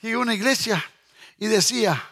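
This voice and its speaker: With a high, slightly breathy voice and a somewhat fast pace, a male preacher hammers home his sermon, repeats himself, and keeps asking whether the congregation hears him. Now and then he shouts or breaks into half-sung phrases.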